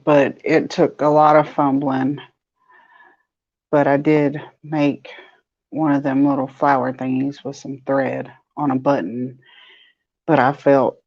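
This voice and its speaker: A woman with a Southern US accent chats with viewers on her crochet live stream and laughs often. Her voice is husky and a little breathy. It comes through dull, lo-fi live-stream audio. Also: rumbling low, darkish tone. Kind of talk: casual chat reading viewer comments.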